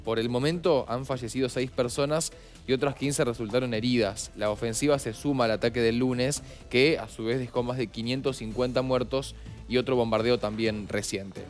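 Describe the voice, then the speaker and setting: A man co-anchoring a television news segment with a measured, formal delivery. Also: mid-range voice, fairly even intonation, soft background music. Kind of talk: newsroom co-anchoring.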